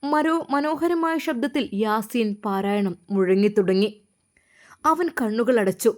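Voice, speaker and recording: A woman's voice: fairly high pitch, measured pace. Earnest female storyteller from Kerala. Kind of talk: narrated story.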